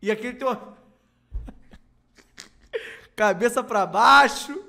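A man's voice: very high-pitched, takes it slowly, creaky, sharp tone. A young man with a Rio de Janeiro Brazilian accent in casual comic commentary, breaking into hysterical laughing fits as he talks. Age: young adult. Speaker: streamer. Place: small indoor home room. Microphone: desk microphone with headset.

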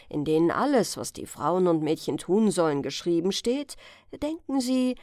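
A woman narrates a scripted fairy tale for a bedtime audiobook, expressive and carefully phrased, in a mid-range voice. The studio-quality recording has no echo.

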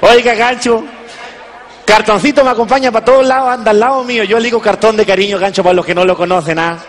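A man performs a folksy old country grandfather with a rural Chilean accent, rambling through his stories. The voice sits high, and each line rings long in a big hall. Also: fast talker, slight background noise, lightly acted. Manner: rambling, folksy, repeats a pet word. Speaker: comedian. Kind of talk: stand-up character comedy. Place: large stage before an audience.

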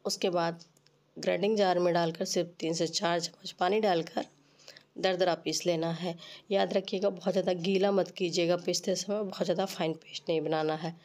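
Female cooking host, lowish pitch, congested and slightly rough from a cold, instructing informally. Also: steady tone, moderate pace, darkish tone. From Uttar Pradesh, India. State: stuffy nose and rough voice from a cold. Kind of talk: recipe tutorial narration.

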